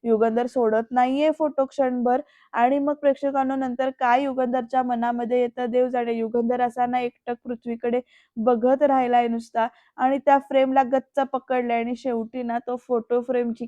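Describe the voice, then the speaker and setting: A woman's voice: a little high, warm tone, no room sound. A woman narrating a voice-over recap of a TV serial in a chatty way, speaking straight to the viewers. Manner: chatty, addresses viewers directly. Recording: dull lo-fi dry voice-over.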